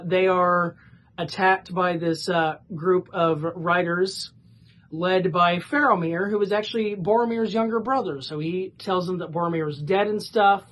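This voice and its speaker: A woman giving a casual, rambling plot summary for a book review, with lots of fillers and restarts. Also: on the low side.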